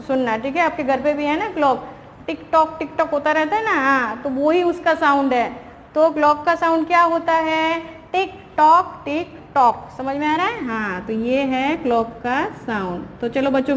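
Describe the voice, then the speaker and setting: Woman teacher, high voice, patient, asks and answers herself, long room reverb, faint hiss. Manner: patient, asks and answers her own questions; reads English lines slowly, explains in Hindi. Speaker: primary school teacher. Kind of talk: recorded online class lesson.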